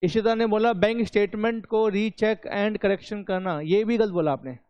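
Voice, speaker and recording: A man's voice: sits high, moderate pace, darkish tone, smooth, no room sound, muffled recording. A man with an Indian accent teaching an online accountancy class, chatty and coaxing his students to reply.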